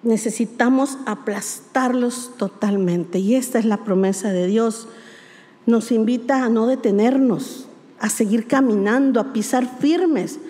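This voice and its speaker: A woman's voice: on the high side, unhurried, mellow. A woman pastor, preaching emphatically, repeating key words and asking rhetorical questions. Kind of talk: sermon. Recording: long hall reverb.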